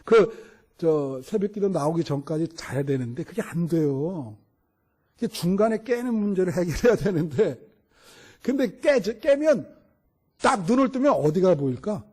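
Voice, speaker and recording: A middle-aged male pastor preaching a sermon, asking the congregation questions, acting out the people in the story and dropping to hushed prayers. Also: sits high, expressive, a little slow. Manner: preaching with sharp swings from loud exclamations to hushed murmured prayers.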